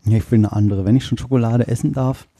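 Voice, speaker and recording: A man's voice: medium pitch, steady tone, fast talker, mellow, breathy edge. A man co-hosting a casual podcast, joking around and teasing in a playful way. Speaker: podcast co-host. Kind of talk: casual chat.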